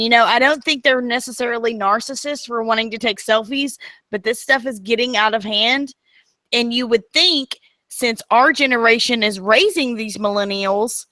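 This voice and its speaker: A woman's voice: fairly high pitch, pushed and bright, no echo. A woman in her thirties hosting a casual chat, speaking in an opinionated, emphatic way. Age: 30s. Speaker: podcast host.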